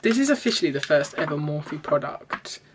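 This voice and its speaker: A young woman doing a chatty, self-deprecating makeup vlog in her bedroom, sometimes breaking into excited squeals. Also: low voice, normal speed, heavy background noise. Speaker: beauty vlogger. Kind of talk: chatty get-ready-with-me vlog.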